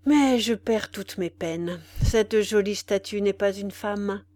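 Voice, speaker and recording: A woman's voice: medium pitch, slow pace, a little mellow, dry recording, natural voice. A woman voicing a vain, foppish young male officer in a storybook reading, chattering and boastful.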